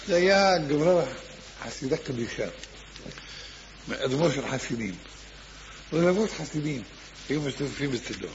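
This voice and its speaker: A man's voice: a little high, slight background noise. A man preaching and telling a devout story, repeating himself and restarting phrases, in a slightly muffled recording. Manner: repetitive, with frequent restarts. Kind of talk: sermon storytelling.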